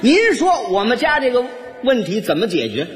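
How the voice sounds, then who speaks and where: Brief: male crosstalk lead, high voice, long hall reverb. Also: normal speed. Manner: animated, exaggerated storytelling. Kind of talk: crosstalk comedy storytelling.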